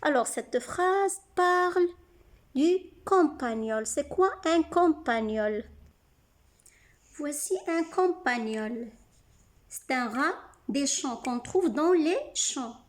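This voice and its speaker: High-voiced woman teaching slowly. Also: lively intonation. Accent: French-speaking North African. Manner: sounds out syllables slowly and clearly. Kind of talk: slow, deliberate reading lesson for children.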